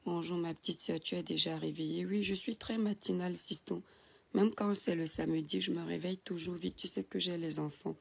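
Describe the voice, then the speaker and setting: Just-woken woman with gravelly voice. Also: fairly low pitch, fairly even intonation, brisk. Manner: affectionate, calls viewers "my star", reads names with hesitant fillers. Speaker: live streamer greeting viewers. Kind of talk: casual audio-only live chat, reading out viewer comments. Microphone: phone, audio only.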